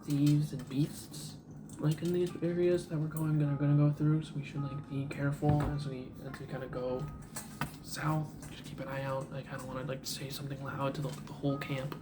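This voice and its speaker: A man's voice: on the high side, level tone, a little fast, music in the background. A man narrating as game master of a tabletop game, loose and rambling with many fillers.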